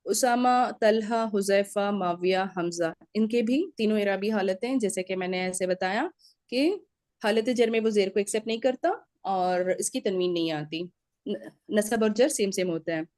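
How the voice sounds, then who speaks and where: A woman with a mellow, darker tone teaches a recorded Arabic grammar lecture. She explains step by step, drills word endings aloud and checks in often with short confirmations. Her voice sounds close and dry, with no room echo. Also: medium pitch, a little slow.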